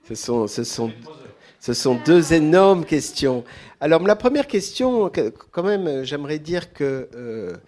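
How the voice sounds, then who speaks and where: A man speaking off the cuff as a guest at a public talk, deliberate and hesitant, repeating words for emphasis. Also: fairly high pitch, big pitch swings, a little mellow. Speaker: guest author answering audience questions. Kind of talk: extemporaneous answers at a public talk.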